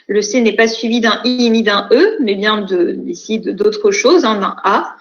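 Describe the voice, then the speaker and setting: A woman's voice: medium pitch, measured pace. A young woman lecturer giving an online class, explaining methodically step by step with frequent hesitations. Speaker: university lecturer. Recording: echoey, dull lo-fi recording.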